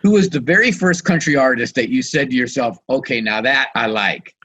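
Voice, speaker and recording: A man co-hosting a radio show, asking questions in a lively, encouraging way. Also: mid-range voice, fairly quick, husky. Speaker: co-host interviewer. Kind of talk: casual interview chat.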